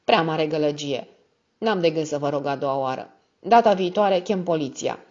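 A woman's voice: sits low, darkish tone, natural voice. A woman voicing a stern, lanky redheaded man who gives firm, curt warnings. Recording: dull lo-fi audio.

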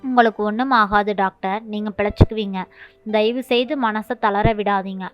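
A woman voicing a gentle, devoted young widow who speaks earnestly and soothingly. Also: mid-range voice, steady tone, moderate pace, close to an everyday voice. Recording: dull lo-fi with faint music.

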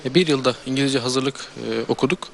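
Fast-talking earnest teenage boy. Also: mid-range voice, vocal fry. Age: teens. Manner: earnest, speechlike, many hesitations. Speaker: high school student. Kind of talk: interview answers.

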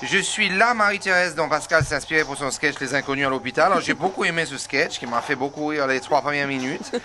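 A man's voice: on the high side, quick pace, background noise, lightly acted. A man voicing a brusque, harried middle-aged female hospital receptionist who snaps at callers mid-sentence, in a radio comedy sketch. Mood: bossy.

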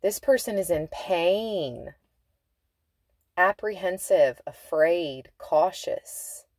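Woman tarot reader in a car, unhurried and lowish, chatty with drawn-out emphatic words; dry close sound. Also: animated, a little mellow, no echo. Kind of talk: casual tarot reading. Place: inside a car.

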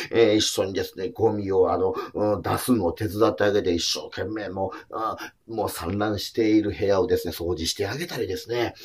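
A man in his forties with a Kansai accent, a comedian telling a film's story with lively acted-out quotes. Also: low-pitched, husky. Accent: Kansai Japanese. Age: 40s. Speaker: comedian reviewing a documentary film. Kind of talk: animated comic film talk.

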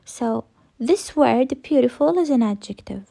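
A woman's voice: on the high side, animated, a little slow, creaky, warm tone. A woman teaching English grammar in a recorded lesson, repeating each rule and answering her own questions.

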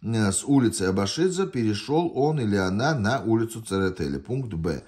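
Reading from a printed test sheet in his hand, a man tutors a language and explains the answers, thinking aloud, hesitating and correcting himself. He speaks fairly quickly and is very animated, with a fairly low pitch and a darkish tone. He's indoors at a desk, recorded by a phone camera aimed down at the sheet.

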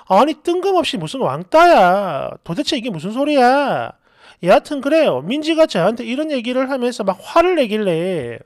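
A woman reading out an online story and its comments in a lively, exasperated storytelling manner. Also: on the high side, no room sound, studio quality.

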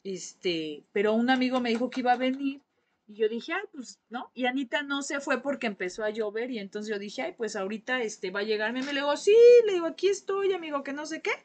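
A woman's voice: fairly high pitch, animated, fairly quick. A woman with a Mexican accent teaching a live painting class, chatting and gossiping with her viewers as she works. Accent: Mexican Spanish. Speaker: craft teacher.

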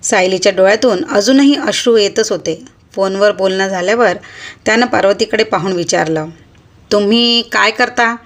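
A woman hosting her own channel, narrating a short story in a measured, expressive reading voice. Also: mid-range voice.

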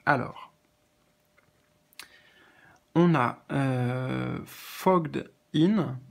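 A man with a slightly high voice gives a spiritual card reading to his viewers. He speaks gently and hesitantly, filling his pauses and repeating words as he searches for them. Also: vocal fry. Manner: gentle, addresses viewers as friends. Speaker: tarot card reader.

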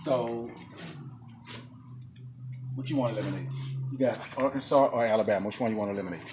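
Man, 40s, upbeat vlog host, middle pitch, casual, faint outdoor noise, camera a few feet off. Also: fast talker. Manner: upbeat, explains to viewers, laughs easily. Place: outdoor patio and garage of a home. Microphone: camera a few feet away.

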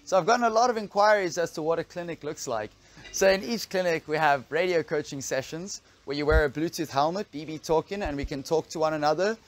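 An enthusiastic kitesurf coach in his thirties speaks to camera outdoors beside a pool, recorded on a lapel mic. His fairly high voice moves fast, upbeat and laughing, in a promotional vlog style.

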